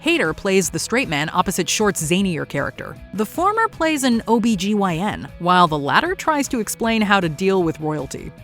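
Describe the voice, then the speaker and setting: A woman's voice: medium pitch, big pitch swings, moderate pace, hardly any pauses, fairly bright tone, soft background music. A woman reading scripted countdown narration.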